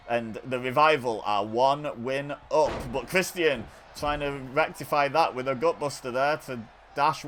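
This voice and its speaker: A man calling wrestling video game action play-by-play in a chatty, excitable way, often correcting himself. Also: mid-range voice, a little hiss or hum. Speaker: gaming video host. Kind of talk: play-by-play commentary over video game footage.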